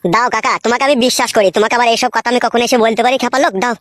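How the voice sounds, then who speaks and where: A woman playing a rough young village husband in a comic skit, swearing and talking crudely. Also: fairly high pitch, steady tone, racing, a bit bright, no room sound, clean studio sound, close to an everyday voice. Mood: wheedling.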